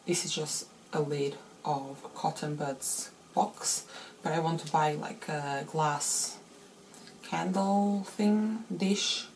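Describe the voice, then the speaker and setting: A woman's voice: deep voice, fairly even intonation, slow pace, a little mellow, a little hiss or hum. Woman vlogger with a rusty morning voice. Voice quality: slightly rusty, unused morning voice. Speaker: beauty vlogger. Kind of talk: casual chatty makeup tutorial.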